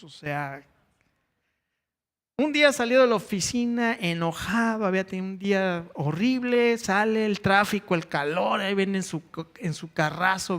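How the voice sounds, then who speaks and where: A man delivers a sermon, his voice sitting notably high. He tells stories at length, pausing on fillers and restarting phrases as he goes. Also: fairly bright tone. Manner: storytelling with frequent hesitations and restarts. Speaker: pastor.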